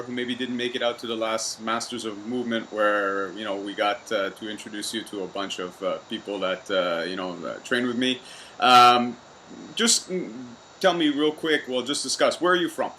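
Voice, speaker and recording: A man's voice: medium pitch, normal speed, sharp tone, a little hiss or hum. A man hosting a podcast in a conversational interview, upbeat and friendly, laughing easily as he asks questions. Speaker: podcast host. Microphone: video call.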